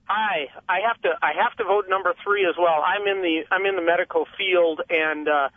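A man calling in from his car on a clipped phone line, halting with many repeats and fillers. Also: high-pitched, fairly even intonation, no room sound. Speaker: radio call-in caller. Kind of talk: casual call-in opinion.

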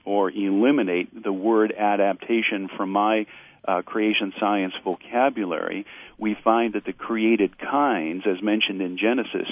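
Man, guest zoologist, clipped phone line, low-pitched, tinny, fillers and repeats. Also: dry recording. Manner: explains at length with fillers and repeated words.

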